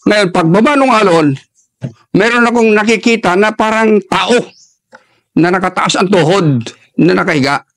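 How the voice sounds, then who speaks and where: Older army vet telling a war story, kinda high raspy-fry voice, lots of restarts. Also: male voice, fairly bright tone, dry recording, clean studio sound. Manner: halting, restarts often while recalling combat. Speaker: army veteran guest. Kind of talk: war story told in an interview.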